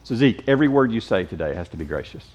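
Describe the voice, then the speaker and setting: Lively joking teacher, a man. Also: lowish voice, fast talker, muffled recording. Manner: lively, joking, quizzes the class. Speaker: Sunday school teacher. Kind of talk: casual Bible class teaching. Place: church classroom.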